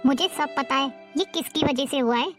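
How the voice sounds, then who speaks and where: A scolding, superstitious middle-aged mother-in-law, voiced by a woman who bosses the whole house. Her voice sits high, and clear background music runs under every line of this homemade drama. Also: moderate pace, fairly bright tone. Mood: accusing. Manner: scolding, bossy. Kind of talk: homemade moral-story drama acting.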